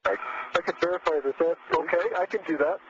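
A man speaking as an astronaut on a spacewalk over a radio transmission from space, clipped and halting with fillers. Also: fairly high pitch. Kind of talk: procedural radio chatter. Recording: muffled radio link with faint hiss.

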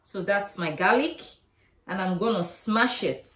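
A woman's voice: medium pitch, measured pace, fairly bright tone. Chatty woman in an echoey kitchen. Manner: chatty step-by-step explaining. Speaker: cooking vlogger. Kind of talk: casual cooking demonstration. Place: home kitchen. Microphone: camera across the kitchen. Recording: echoey kitchen, faint noise.

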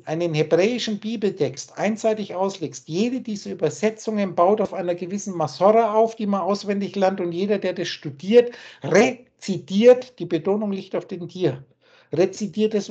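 A man lectures over a video call, pressing his points with insistence and circling back to repeat them. His voice has a husky, breathy edge. The call audio comes through muffled and lo-fi. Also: high-pitched, darkish tone. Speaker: spiritual teacher.

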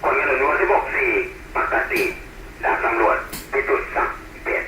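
A man, a police officer, giving terse, clipped coded reports over a walkie-talkie radio in a police roll call. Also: moderate pace. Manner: terse, clipped reports of ranks, numbers and code. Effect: heard over a police walkie-talkie radio. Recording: noisy, echoey two-way radio transmission.

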